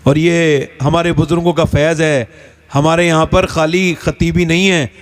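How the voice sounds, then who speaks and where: A male preacher telling a moral story in a religious talk, animated with wide swings in pitch. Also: measured pace.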